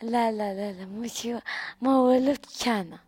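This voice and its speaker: Hesitant Algerian woman, husky voice. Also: on the high side, normal speed, darkish tone. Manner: hesitant, short replies, often asks to repeat. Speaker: interviewee, hospital patient. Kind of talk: halting answers in an interview.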